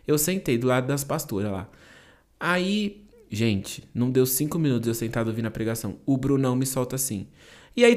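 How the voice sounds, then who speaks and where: A young man from Brazil, hosting a podcast and telling an emotional personal testimony in a casual, animated way, acting out the dialogue as he goes. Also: medium pitch. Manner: animated, slangy, acts out dialogue in his story. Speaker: podcast host sharing testimony.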